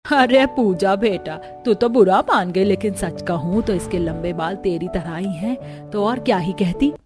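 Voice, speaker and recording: A woman voicing a meddling middle-aged neighbor woman who teases in a drawn-out way. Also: medium pitch, music in the background, natural voice. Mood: teasing.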